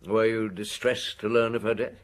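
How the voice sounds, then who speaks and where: An actor playing a stern, blunt police chief inspector in a radio drama, questioning in a curt, authoritative, husky voice. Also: male voice, fairly low pitch, flat delivery, moderate pace, slight background noise, close to an everyday voice.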